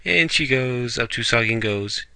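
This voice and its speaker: A man's voice: mid-range voice, lively intonation, normal speed, gravelly, sharp tone, clean tone, no echo. A man casually reviewing a manga chapter, rambling along with fillers and restarts.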